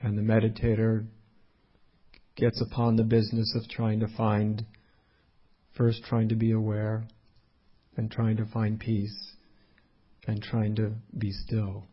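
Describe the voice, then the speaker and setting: In a low, even tone, a man teaches a guided meditation talk, taking his time and leaving long pauses between brief phrases. The recording is muffled.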